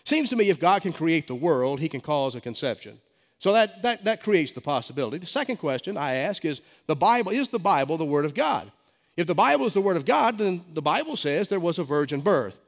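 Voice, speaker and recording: Preaching in a church sanctuary with long hall reverb, a middle-aged pastor with a head cold hits words hard and stumbles into restarts. His voice is slightly high, very animated, and a bit quick.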